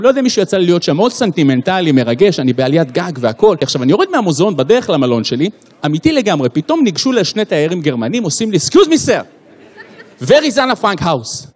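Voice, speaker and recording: A man doing a stand-up comedy routine on a live stage, animated and full of impressions. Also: high-pitched. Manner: animated, lots of voices and impressions. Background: audience laughter.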